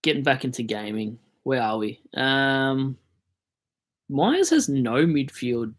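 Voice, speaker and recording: Australian male streamer, mid-pitched, loose chatty delivery with the odd swear and mock rant. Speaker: fantasy football livestream host. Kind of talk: casual livestream chat.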